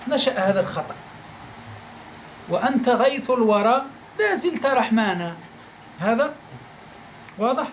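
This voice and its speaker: A male teacher from Algeria giving a classroom lecture, repeating his points and asking listeners whether they follow. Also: high-pitched. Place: study circle room. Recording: echoey room, faint noise.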